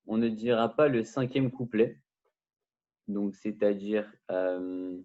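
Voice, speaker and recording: A man giving an informal religious lesson, speaking haltingly with many repeated words and restarts. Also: lowish voice, dark tone. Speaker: religious class teacher. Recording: narrow phone-like sound.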